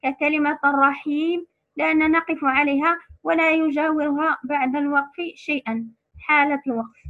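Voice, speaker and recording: A woman teaching a lesson on recitation rules to other women, patiently repeating key terms slowly. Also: high voice, steady tone, narrow, tinny audio.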